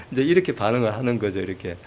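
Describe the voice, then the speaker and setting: A male pastor delivers a sermon in a warm storytelling way, slipping humor and acted quotes into his points. His pitch rises and falls widely, lively from phrase to phrase. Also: fast talker.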